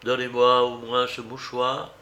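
Troubled nobleman, earnest and pleading, read by a man, slow and measured. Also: medium pitch, monotone, pushed and bright. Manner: pleading, hesitant.

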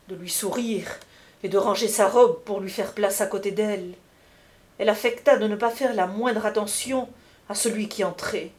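Woman, audiobook narrator, measured, literary, classic novel. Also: medium pitch, a little mellow.

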